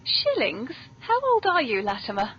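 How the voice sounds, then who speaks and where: In a sing-song voice at normal speed, this British podcast host runs a whimsical scripted comedy show. She comes across as genteel, very polite and playful, heard through muffled, noisy, low-grade audio.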